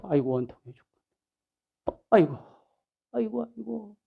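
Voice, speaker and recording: A man's voice: high voice, big pitch swings, a little slow, vocal fry, slightly rough, phone-quality sound, heavily acted. A male pastor acting out a grieving older mother who wails and laments to God in a sermon. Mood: anguished wailing. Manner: wailing, sobbing lament.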